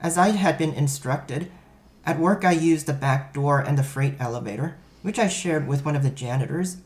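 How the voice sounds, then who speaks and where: A man's voice: on the high side, moderate pace. Man narrating a story, wry. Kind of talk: scripted story narration in first person.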